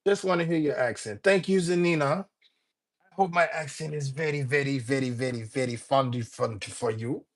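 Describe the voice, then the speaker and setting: An older man runs a relaxed livestream chat, reading viewer comments, greeting people by name, and rambling with jokes. He speaks at a normal speed with a medium-pitched voice.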